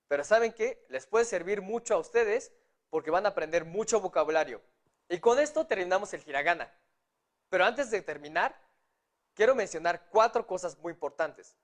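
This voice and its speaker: A man teaching a lesson, patiently spelling out syllables one at a time. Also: sits high. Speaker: Japanese teacher. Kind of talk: online language lesson.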